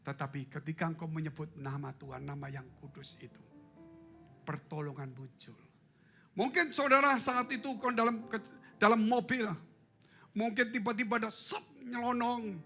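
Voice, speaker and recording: A male pastor preaching a live church sermon, swinging from loud cries to hushed asides and putting questions to the congregation. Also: high-pitched, moderate pace, gravelly, faint music behind. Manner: humorous, asks the congregation questions. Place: church sanctuary.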